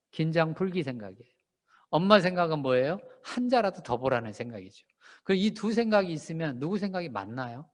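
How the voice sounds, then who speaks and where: Man, pastor, animated sermon delivery, quizzes the congregation, wide swooping pitch, church hall reverb. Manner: animated, asks the congregation questions and acts out shouted lines. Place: church sanctuary.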